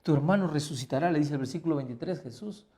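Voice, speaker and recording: Emphatic pastor with a mellow voice. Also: male voice, on the high side, fast. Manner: asks the listener rhetorical questions; emphatic, swinging between quiet and loud. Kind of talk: Bible lesson sermon.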